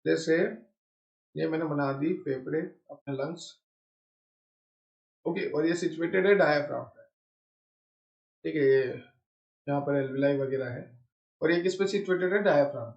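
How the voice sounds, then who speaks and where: A man's voice: a little high, measured pace, vocal fry, long pauses, a little mellow, echoey room, muffled recording. A man teaching biology in a classroom lecture, mixing in English textbook terms and asking checking questions.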